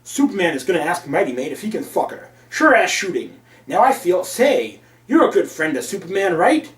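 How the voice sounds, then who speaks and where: A man voicing a cheerful, gruff middle-aged male newspaper editor who stammers through his booming good wishes, recorded in a roomy space away from the mic. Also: sing-song, moderate pace. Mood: jovial. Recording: roomy, from a distance.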